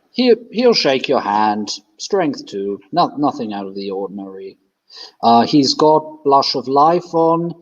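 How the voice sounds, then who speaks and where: A man narrating and playing a tabletop game in a relaxed, halting way. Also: medium pitch. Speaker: player. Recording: dull lo-fi.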